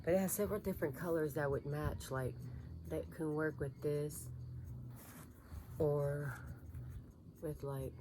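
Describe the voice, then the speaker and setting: A woman's voice: low voice, steady tone, unhurried, pauses often, noisy background. A woman chatting casually in a home vlog, rambling and gushing over her yarn. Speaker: crochet vlogger.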